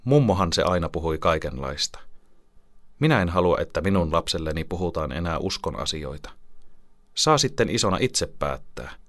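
A man's voice: low-pitched, very animated, a bit bright. A man reading a tense, strained mother. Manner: clipped, strained. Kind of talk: audiobook character reading.

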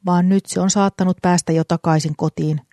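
A reader voicing a gentle, grieving old man. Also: mid-range voice, fairly even intonation, no room sound, close to an everyday voice. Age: older. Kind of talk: audiobook character voice.

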